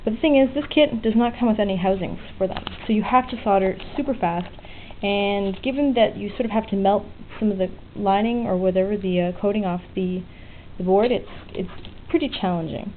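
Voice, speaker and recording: Speaking fairly quickly and barely pausing, a woman with a medium-pitched voice demonstrates a DIY electronics project in an unscripted, hands-on way. Her explanations are informal and frank. The audio is muffled, phone-like and lo-fi, with faint noise.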